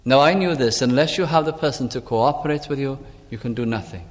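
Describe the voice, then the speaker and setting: A man preaching a sermon, telling a personal story slowly and deliberately. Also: mid-range voice. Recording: long hall reverb.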